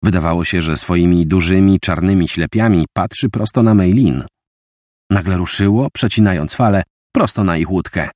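A man narrating an audiobook with a vivid, expressive reading. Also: low voice, normal speed, dry recording, studio quality.

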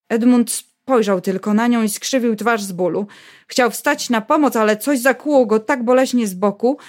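A woman reading a novel aloud in a steady, measured storytelling voice. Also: a little high. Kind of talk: audiobook narration.

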